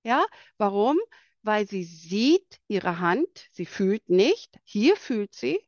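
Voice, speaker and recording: A woman with a light, bright voice giving an earnest presentation about palliative care for children, pausing now and then to search for words. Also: mid-range voice, big pitch swings, no room sound, lo-fi sound. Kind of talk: presentation to an audience.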